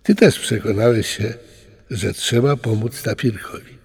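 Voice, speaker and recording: Mężczyzna czytający bajkę podkłada głos surowemu, pouczającemu duchowi wulkanu, mówiąc głośno. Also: male voice, mid-range voice, a little slow, husky, big-room sound. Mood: explaining. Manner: loud, lecturing. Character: booming male volcano spirit, stern and preachy. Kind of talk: storybook reading.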